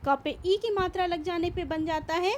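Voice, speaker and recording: Woman teacher, very high voice, slow and patient, faint hiss. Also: steady tone. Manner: patient, explains step by step and repeats. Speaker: school teacher. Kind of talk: slow classroom grammar lesson.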